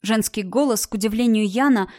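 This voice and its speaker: A woman's voice: mid-range voice, fairly quick, dark tone. Woman narrating an audiobook. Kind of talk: scripted narration.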